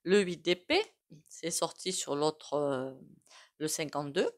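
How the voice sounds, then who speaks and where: Chatty French tarot-reading woman, low voice. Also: very animated, unhurried. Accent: regional French. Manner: chatty, rambling, with many fillers and self-asides. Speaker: tarot reader. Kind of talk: casual tarot reading to camera.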